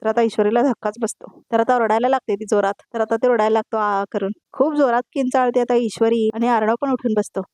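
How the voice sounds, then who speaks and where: A woman doing voice-over recaps of a TV serial, rapid delivery, pitch a little high, speaks straight to viewers with repetitive phrasing. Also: fairly even intonation, a little mellow, no echo. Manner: repetitive, addresses the viewers directly.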